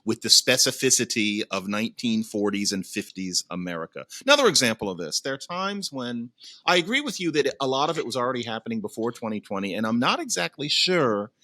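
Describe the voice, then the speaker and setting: A man's voice: medium pitch, expressive, fairly quick, pushed and bright, no room sound. A man in his fifties, a podcast guest, giving opinionated, emphatic critique in casual chat. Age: 50s.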